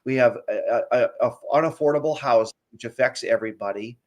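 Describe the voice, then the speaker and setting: A man's voice: medium pitch, fast, darkish tone. A man from the Cleveland, Ohio area hosting a casual livestream, talking bluntly and directly with frequent restarts. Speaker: livestream host.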